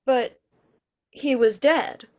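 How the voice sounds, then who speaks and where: A woman's voice: high-pitched, very slow. A woman reading the part of a skeptical, level-headed female FBI agent. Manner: skeptical, questioning. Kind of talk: dramatic script reading.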